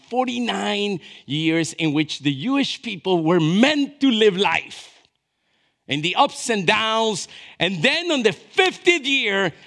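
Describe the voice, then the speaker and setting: A man in his fifties preaches with a voice noticeably high for a male speaker. His style is chatty and narrative, punctuated by brief questions to listeners, and it moves from soft asides up to forceful, dramatic emphasis.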